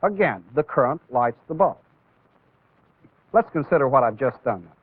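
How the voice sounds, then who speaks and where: The narrator of this old training-film soundtrack is a male instructor with a husky, animated voice at medium pitch. He demonstrates step by step in a deliberate manner, stressing key words. Everything sounds narrow and tinny.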